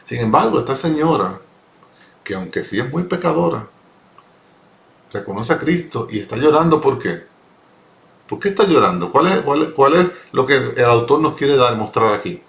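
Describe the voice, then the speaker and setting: A man leads a Bible study, reading a passage aloud and then unpacking it with earnest emphasis. His pitch sits at a middle range, and he often repeats a word before rephrasing it. The room around him gives a noticeable echo. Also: animated, moderate pace, creaky, fairly bright tone. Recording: roomy echo.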